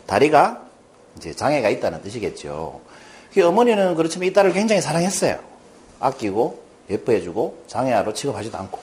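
A man giving a lecture to an audience, telling stories and acting out the characters' lines. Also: fairly high pitch. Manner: lively, acts out quoted characters. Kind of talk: lecture with storytelling.

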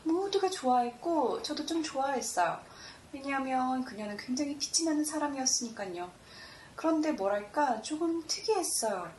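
A woman's voice: high-pitched, animated, moderate pace, a little mellow, slight background noise. A woman playing a theatrical Frenchwoman who throws French words into her speech and dramatizes everything, recorded from a distance in a roomy space. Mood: gossipy. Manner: melodramatic, sprinkles French words into Korean. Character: theatrical Frenchwoman, acquaintance of an eccentric artist.

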